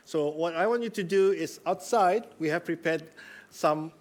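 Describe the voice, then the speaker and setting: Earnest preaching man, slightly high voice. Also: normal speed. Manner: earnest, emphatic preaching with frequent "right?" check-ins. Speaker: pastor. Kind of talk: sermon.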